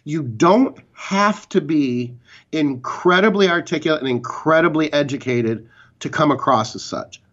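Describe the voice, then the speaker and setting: A man's voice: on the high side, unhurried, a bit bright. Give me an opinionated male podcast co-host who talks in long rambling runs, on a dull lo-fi recording. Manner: opinionated, talks in long run-on explanations, swears casually. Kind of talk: casual chat.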